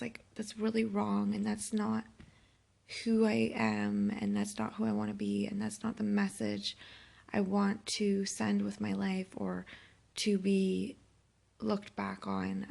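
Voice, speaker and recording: A woman in her thirties speaks casually and confessionally into her phone while badly hungover. Her voice is husky and thick with gravelly fry, at an ordinary female pitch with little swing. She sounds weary and fed up with herself, halting as she goes. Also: darkish tone. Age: 30s. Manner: weary, self-reproachful, halting. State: hungover, feeling sick. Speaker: vlogger. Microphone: phone held by herself.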